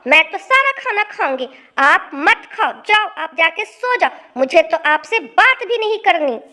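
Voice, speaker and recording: Woman as a defiant young bride, squeaky-high and petulant. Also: sing-song, unhurried, pushed and bright, exaggerated voice. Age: young adult. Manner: whiny, talks back.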